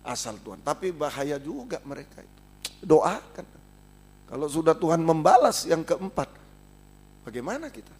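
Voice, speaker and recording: A middle-aged man preaching a sermon in a high, husky voice. His pitch leaps and falls all the time. He swings from loud emphatic outbursts to hushed asides. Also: big pitch swings, normal speed, pauses often. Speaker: pastor.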